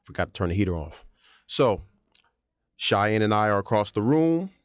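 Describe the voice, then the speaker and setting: Lively storytelling man, low voice. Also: normal speed, no room sound, clean studio sound. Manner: animated storyteller, acts out quotes and sound effects. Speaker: podcast co-host. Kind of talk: casual storytelling chat.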